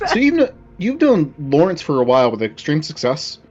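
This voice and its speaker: A man's voice: a little high, huge pitch swings, moderate pace, darkish tone, muffled recording, faint music behind. A man narrating as game master of a tabletop horror game, loose and rambling. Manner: loose, rambling, lots of fillers and restarts.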